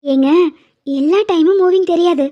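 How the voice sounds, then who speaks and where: A woman voicing a playful, teasing pregnant young wife in an animated cartoon. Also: very high voice, normal speed, dull audio. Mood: affectionate. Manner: teasing, bossy, affectionate.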